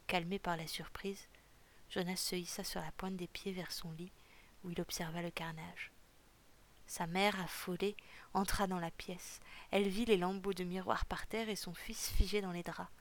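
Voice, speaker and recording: A woman narrating a novel chapter in a calm, measured, often half-whispered way. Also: fairly low pitch. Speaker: audiobook narrator. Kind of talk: scripted narration.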